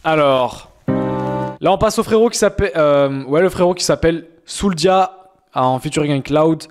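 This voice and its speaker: A young man with a high voice chats casually on a stream, judging rap tracks that viewers sent in. His slangy, mocking talk piles up exaggerated complaints. Faint music sits under his voice. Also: normal speed.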